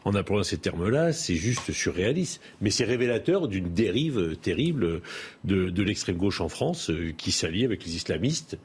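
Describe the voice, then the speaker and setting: A man speaking as a politician in a televised debate, indignant, with halting restarts. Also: low voice, sing-song, a little hiss or hum.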